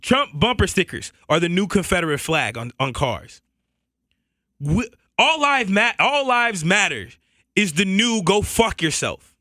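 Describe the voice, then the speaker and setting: A radio co-host from the Southern US speaks heatedly and emphatically in a studio, captured on a boom mic with no echo. His voice is high, very animated, pushed and bright, and a little slow.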